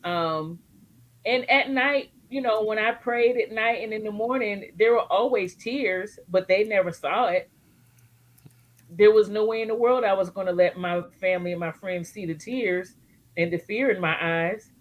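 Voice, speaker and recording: A woman's voice: medium pitch, normal speed, poor audio. A woman guest speaking candidly and emotionally about supporting family, earthy and joking in turns. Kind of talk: candid personal storytelling.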